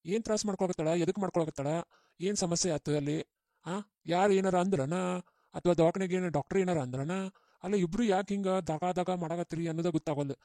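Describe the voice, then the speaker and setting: Cartoon: woman voicing a steady middle-aged mother, North Karnataka accent, dark tone, dry sound. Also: on the low side, a little fast, no echo, close to an everyday voice. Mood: questioning. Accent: North Karnataka Kannada. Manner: coaxing, steady. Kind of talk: cartoon voice acting.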